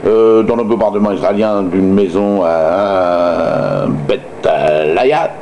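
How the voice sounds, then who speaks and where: A man's voice: low voice, takes it slowly, creaky, a little mellow, a little hiss or hum. A man reading news like an amateur radio host, stumbling and hesitating, with sardonic personal asides.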